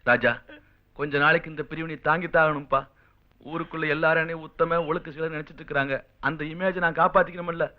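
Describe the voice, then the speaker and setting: An actor playing a scheming rich landlord who brags about riches and talks smoothly. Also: male voice, a little high, fairly even intonation, fast talker, natural voice. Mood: confiding. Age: middle-aged. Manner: boastful, smooth-talking. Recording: dull lo-fi film audio with score.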